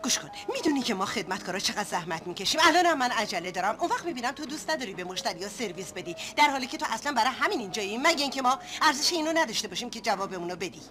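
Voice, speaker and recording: An actress dubbing a hurried, insistent young woman who works as a hotel maid. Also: a little high, big pitch swings, sharp tone, soft background music. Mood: indignant. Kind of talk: film dub.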